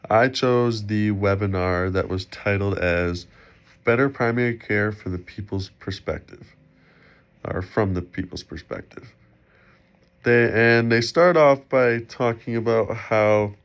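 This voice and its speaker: A young man who sounds slightly sick and muffled, giving an informal, halting student presentation for a class. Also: lowish voice, clear, resonant tone. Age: young adult. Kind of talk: informal spoken presentation for a class discussion post. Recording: dull, lo-fi sound.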